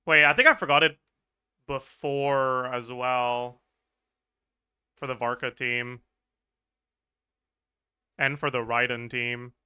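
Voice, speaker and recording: A man's voice: mid-range voice, takes it slowly, pauses often, sharp tone, smooth. A man streaming a game, chatting casually and thinking aloud, swearing and laughing as he works through numbers. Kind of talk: livestream game chat.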